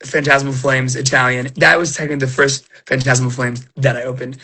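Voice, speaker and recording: A man's voice: medium pitch, level tone, a little fast, bright, forceful tone. A middle-aged man hosting a casual stream, telling rambling emotional stories full of fillers and restarts while he recovers from illness. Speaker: livestream host opening trading cards. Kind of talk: casual chat to viewers.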